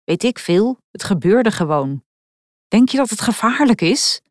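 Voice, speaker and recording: A woman's voice: medium pitch, sing-song, measured pace, no echo, studio quality, pitched above the performer's own voice. A woman doing a sulky, mumbling thirteen-year-old boy. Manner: hesitant, sulky, full of fillers.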